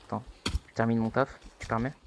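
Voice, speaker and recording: A young man giving casual let's-play commentary, taunting and excitable, with sudden high-pitched yelps. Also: fairly quick, noisy background. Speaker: gaming youtuber.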